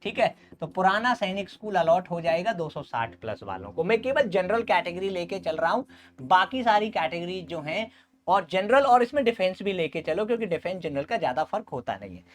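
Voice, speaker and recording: A man teaching as a coaching instructor, explaining at length, often checking in with the listener and pausing with "uh". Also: high-pitched, sing-song. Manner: keeps checking in with "okay", frequent "uh" pauses. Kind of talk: explanatory lecture to students.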